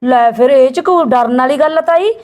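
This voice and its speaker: A woman's voice: high-pitched, normal speed, a little mellow, close to an everyday voice. A woman acting as an outspoken young village woman in a homemade family drama, talking in a blunt, scolding and insistent way.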